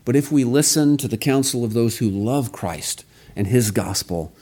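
A man preaching an expository sermon in a measured, earnest way, reading scripture and stressing key phrases. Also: medium pitch, animated, mellow, husky.

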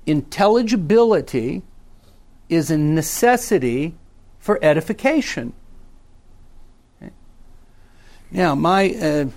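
A middle-aged man teaches a small class on preaching, speaking in a measured, unhurried way with a slightly higher voice. He keeps checking in with his listeners and swings his pitch and pace around for emphasis. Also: a little mellow. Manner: conversational, checks in with frequent "okay?" and "right?". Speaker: pastor teaching a leadership class. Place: church meeting room with a small class.

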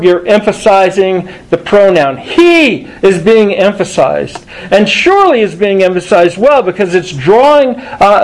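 A man preaching a sermon to a congregation, deliberate and emphatic, often restarting phrases and stressing single words. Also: high voice, a little mellow, low-quality recording. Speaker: pastor.

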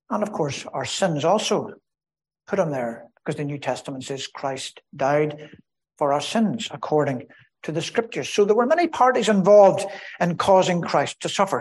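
A man delivers a sermon in an earnest, expository manner. His voice sits a little high for a man, and he rises for emphasis before sinking quiet and low. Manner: earnest expository preaching, rising and falling emphasis. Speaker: preacher.

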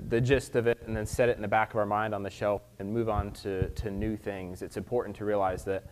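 A man preaching a sermon at a pulpit microphone in a church. He reads scripture and prays, speaking earnestly and conversationally with frequent restarts. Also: on the low side. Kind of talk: sermon with scripture reading and prayer.

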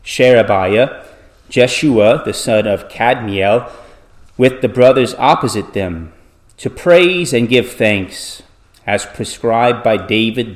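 A male pastor at a pulpit microphone, reading scripture, praying and preaching in a measured, deliberate way, with restarts as he explains. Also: on the low side. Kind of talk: sermon with scripture reading and prayer.

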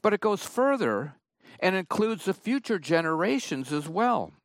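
A man preaching a sermon, reading and explaining scripture in a slow, emphatic way. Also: high voice, big pitch swings, dry recording, studio quality. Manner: slow, emphatic Bible exposition.

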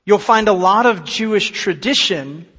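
A man preaching a sermon, reading scripture aloud and stopping to explain it with emphatic, slowed-down stresses. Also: sits high, lively intonation, fairly bright tone, breathy edge. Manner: emphatic, slows down on key words; reads scripture aloud then comments. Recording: long hall reverb.

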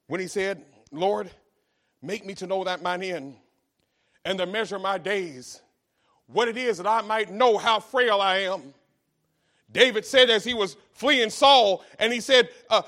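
A grandfather pastor preaching a sermon, dropping to hushed asides and then rising to shouted exhortation. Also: high-pitched, unhurried.

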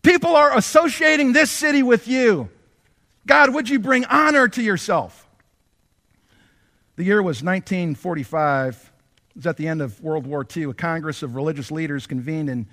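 A male pastor preaching a sermon, impassioned and building to near-shouts as he voices prayers. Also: fairly high pitch. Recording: long reverb of a large hall.

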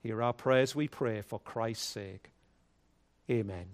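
A male pastor speaks into a pulpit microphone, leading a congregation in prayer and reading scripture aloud. His pitch sits in the middle range. He takes his time, with a measured, solemn liturgical delivery.

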